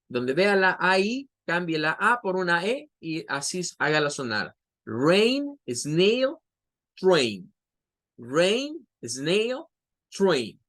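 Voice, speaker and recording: A man's voice: fairly high pitch, a bit bright. A man teaching an English pronunciation class in Spanish, patiently explaining and stretching out the example words. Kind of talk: online class lesson.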